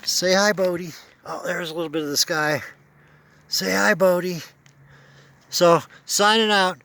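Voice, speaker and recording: A man's voice: high voice, steady tone, a little slow, gravelly, bright, forceful tone, a little hiss or hum. A man talking casually to camera outdoors as a sports fan, exasperated and emphatic, repeating himself as he rants. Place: outdoors at sunset, walking his dog.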